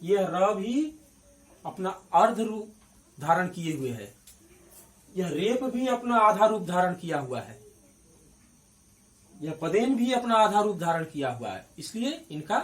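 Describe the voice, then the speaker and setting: A high-voiced man teaches grammar slowly and with lively rises and falls in pitch. He breaks words into their sounds and keeps asking the class if it is clear. His voice is picked up from some distance away. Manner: explains step by step, repeats and spells out syllables, asks checking questions. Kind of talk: classroom-style grammar lesson at a board.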